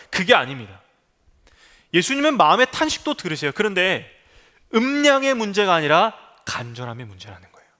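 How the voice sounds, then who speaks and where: A man's voice: high voice, bright, forceful tone. A middle-aged male pastor preaching a sermon with emphasis, acting out pleas and cries as he goes.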